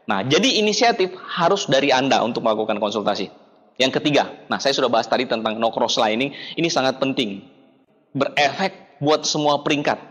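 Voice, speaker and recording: A man giving a motivational seminar talk in an animated, emphatic way, with dialogues acted out. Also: mid-range voice. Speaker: business seminar speaker. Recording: dull lo-fi recording in a reverberant hall.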